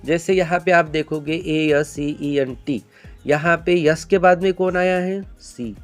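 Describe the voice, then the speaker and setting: A man's voice: a little high, a little slow, soft background music. Male teacher drilling pronunciation. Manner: drills with repeated call-and-response questions; addresses viewers as children. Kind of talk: classroom-style pronunciation lesson.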